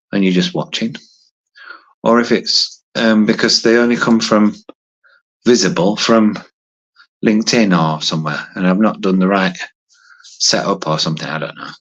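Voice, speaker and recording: Husky middle-aged man chatting between push-ups. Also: on the low side, fairly bright tone, muffled recording. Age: 50s. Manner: hesitant, rambling; talking while doing push-ups. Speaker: livestream host. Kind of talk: casual live chat to viewers. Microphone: phone.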